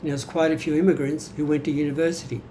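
In a small room at home, with some background noise, a man in his seventies who was born in Greece and grew up in Australia reads from notes to share his personal history as a vlogger. He speaks with an Australian accent in a level, fairly high, soft-edged mellow voice, reflective and halting, often correcting himself.

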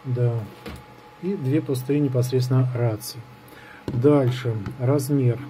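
A gadget reviewer sits at a table in his apartment for a casual hands-on product review, improvising hesitantly and thinking aloud. His medium-pitched voice is steady and slow, heard over music in a low-quality home recording with clear background noise.

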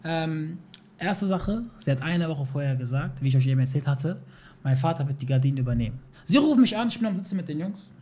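A man's voice: fairly high pitch, animated, brisk, mellow. A young man in a heated personal vlog, telling his side of a dispute, swearing oaths and dropping in Turkish phrases. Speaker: YouTuber responding to a video.

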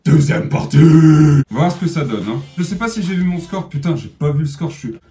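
Excitable, lively man commenting gameplay. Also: fairly high pitch, brisk, recorded from a distance, very noisy. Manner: excitable, swears and yells at opponents. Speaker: gamer. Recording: echoey room, voice off-mic, music underneath.

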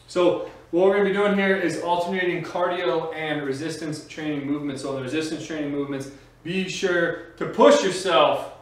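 Indoors in a compact home gym with bare walls, a male fitness instructor runs an aerobics class while working out himself, giving quick cues and encouragement. His voice sits on the high side, with fairly even intonation and a moderate pace. The recording is echoey and faintly noisy, picked up by a far-off mic.

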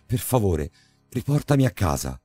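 A man playing a terrified, desperate man trapped underground, shouting and begging in a horror story. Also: low-pitched, very animated, measured pace, husky, soft background music, heavily acted. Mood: pleading. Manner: shouting, pleading.

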